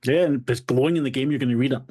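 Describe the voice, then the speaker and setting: A man's voice: medium pitch, racing, dark tone. A man playing a tabletop game, teasing the other players and laughing. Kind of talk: casual banter during a tabletop game.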